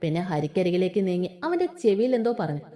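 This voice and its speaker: A woman reading a romance story aloud, expressive and lilting. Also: on the low side, quick pace.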